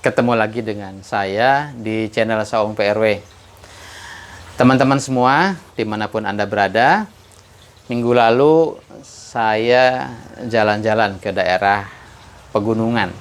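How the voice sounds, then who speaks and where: Unhurried man telling a moral tale. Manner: unhurried, measured, frequent "eh" pauses; rises in pitch and force on key points. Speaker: channel host and storyteller. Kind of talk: reflective moral storytelling monologue.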